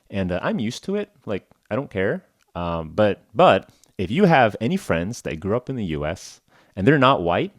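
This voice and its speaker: The podcast host is a young Oklahoman with a deep voice, recorded in clean studio sound with no echo. Speaking to English learners, he keeps a relaxed tone, leaning on "uh" and "like" and poking fun at himself.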